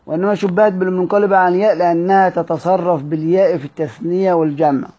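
Egyptian male teacher, fairly high voice, quizzes himself aloud, slow chanted quotes, brisk asides. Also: steady tone, dark tone, muffled recording. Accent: Egyptian Arabic. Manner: drawn-out chanting of quoted verse, quick asides; asks and answers his own questions. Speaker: teacher explaining a classical Arabic text. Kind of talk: colloquial Egyptian lesson mixing classical quotations.

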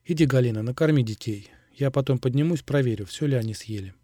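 A man's voice: medium pitch, quick pace, dark tone, dry recording, clean studio sound, natural voice. A man voicing a weary middle-aged policeman. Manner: tired and plain.

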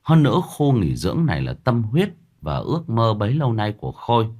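A man narrating a ghost story in a dramatic, expressive way. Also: medium pitch, brisk.

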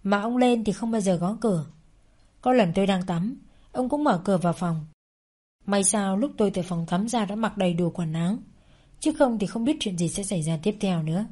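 Warm-voiced woman narrating a story. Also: mid-range voice. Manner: steady, measured storytelling. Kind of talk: first-person story narration.

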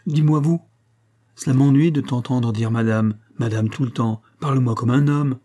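A man voicing a kind invalid lady who speaks gently but firmly to her young servant, in a read-aloud novel. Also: mid-range voice, normal speed, husky, natural voice. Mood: gentle, firm. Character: kindly invalid lady, firm yet tender.

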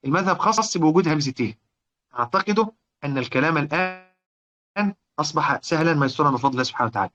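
A man with an Egyptian accent teaching Quranic recitation rules, often repeating points, checking on his listeners and chanting verse lines slowly. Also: a little high, animated, fairly bright tone, muffled recording. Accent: Egyptian Arabic. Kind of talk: explanatory lesson on Quranic reading rules.

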